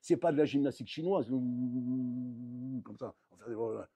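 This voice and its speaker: A man, a rabbi, giving a lively Torah lesson, acting out little dialogues and swinging between loud outbursts and quiet asides. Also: medium pitch, rapid-fire, creaky, breathy edge, dry recording. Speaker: rabbi teaching a Torah class.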